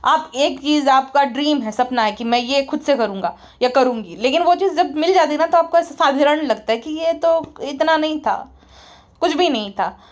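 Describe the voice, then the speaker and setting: A woman's voice: sits high, moderate pace. A woman doing a casual commentary vlog, blunt and scornful, lecturing her viewers. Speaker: YouTube commentator.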